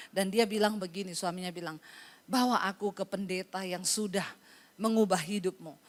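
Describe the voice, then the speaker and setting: A woman pastor preaching, telling a story with humor and acting out voices, teasing her listeners. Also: high voice. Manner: lively storytelling, acts out dialogue with voice shifts; teasing, humorous asides to the congregation. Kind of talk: sermon.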